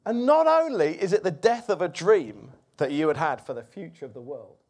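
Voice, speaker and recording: Animated high-voiced male preacher. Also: normal speed. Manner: expressive, animated, with rising emphasis. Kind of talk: sermon.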